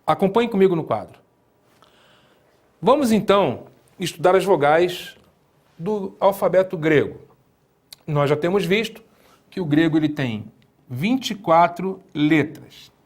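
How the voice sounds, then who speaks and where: A man teaching a video lesson, talking slowly and repeating words so the viewer can drill them. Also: on the high side, animated. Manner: slow, repetitive, drills words aloud. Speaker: Greek teacher. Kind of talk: classroom-style video lesson. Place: room with a whiteboard.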